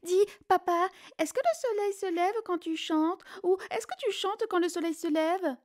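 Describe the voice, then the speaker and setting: A tiny chatterbox chick, put on by a woman reading aloud, piping up with endless questions in a very high, squeaky voice. This is a storybook voice, inquisitive and relentless. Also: normal speed. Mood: curious.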